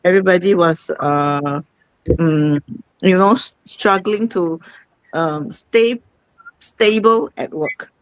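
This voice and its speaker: A woman's voice: fairly low pitch, slow pace, no room sound, poor audio. A woman, hosting an online sharing session in a rambling, conversational way. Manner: conversational, rambling with many fillers. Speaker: host.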